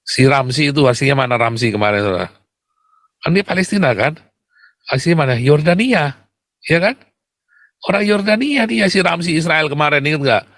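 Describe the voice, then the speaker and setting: A man delivering an impassioned, combative monologue to his viewers. He keeps calling them brothers and sharply jumps up in pitch whenever he makes a point. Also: lively intonation, fairly quick, pauses often, a bit bright, dry recording. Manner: emphatic and combative, keeps addressing listeners as brothers.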